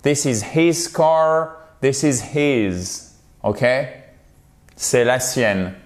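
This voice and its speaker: A man's voice: mid-range voice, animated, drawn-out words. A man teaching a language lesson, spelling out and repeating example phrases and checking in often with short questions. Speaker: English teacher.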